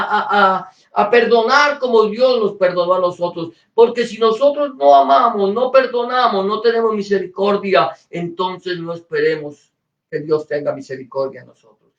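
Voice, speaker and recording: A man with a high voice preaches a sermon, heard from a distance in a roomy, echoing space on a dull-sounding recording. He stumbles and repeats words, swinging between loud emphasis and quiet asides.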